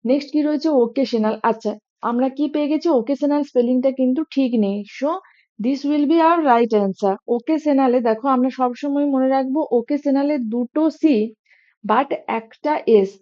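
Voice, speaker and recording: A woman's voice: high-pitched, moderate pace, mellow. A woman teaching an exam spelling lesson. She spells words out letter by letter and mixes in English. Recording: dull lo-fi audio.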